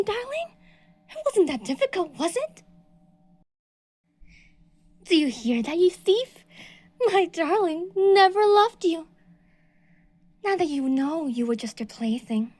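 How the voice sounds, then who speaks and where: This roleplay features a woman voicing an obsessive stalker, a young woman who is delusional and possessive, shifting between hushed breathy murmurs and piercing outbursts. It's heavily acted with no echo, and the mood comes across as gloating and manic.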